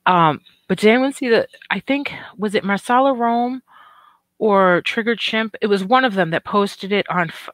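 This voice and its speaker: A woman's voice: mid-range voice, a bit bright. A middle-aged woman hosts a casual livestream, chatting with her viewers in a loose, profane ramble full of "um" and "like". She has a mid-range voice and a touch of hiccups. The sound is dry, with no room echo. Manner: rambling and profane, with many "um" and "like" fillers. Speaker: livestream commentary host. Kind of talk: casual livestream chat, reading viewer comments.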